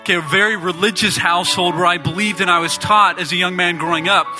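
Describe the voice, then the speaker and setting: A man's voice: sits high, steady tone, quick pace, music in the background. A young man from the US Midwest telling his testimony to a church audience, chatty and joking. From Indiana, US Midwest. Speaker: gospel band member giving testimony. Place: church stage.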